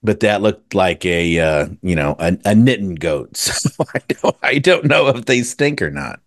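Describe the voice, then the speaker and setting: A man's voice: sits low, lively intonation, moderate pace, dry recording, studio quality. A man co-hosting a casual chat podcast, musing aloud in wandering asides. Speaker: podcast co-host.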